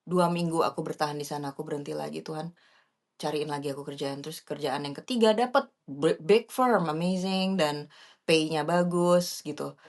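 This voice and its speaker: Young woman podcast host, lowish voice, chatty storytelling, code-switching a lot. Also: moderate pace. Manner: mixes Indonesian and English, animated when quoting herself. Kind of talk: casual personal storytelling.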